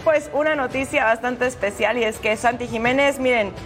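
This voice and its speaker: High-pitched woman hosting a sports show. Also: moderate pace, faint music behind. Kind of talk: lively presenting and match highlight narration.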